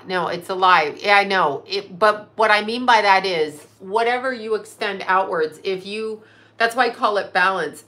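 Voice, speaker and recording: A woman in her late fifties hosts a loose livestream chat, reading out and answering her viewers' comments as she goes. Her voice is bright and forward, set at an ordinary pitch for a woman, and her talk wanders freely from one thing to the next. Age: 50s. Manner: rambling, chatty, answers chat comments aloud. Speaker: livestream host. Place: in a car.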